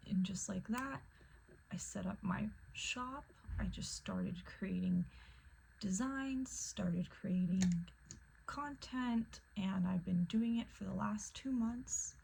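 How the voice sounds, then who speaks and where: A woman talks in a relaxed, chatty vlog style, her voice soft and often dropping toward a whisper. Her tone sits in a middle range with a noticeable gravelly fry. A faint layer of background noise runs under the recording. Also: medium pitch, rough recording. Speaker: vlogger. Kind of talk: casual chat.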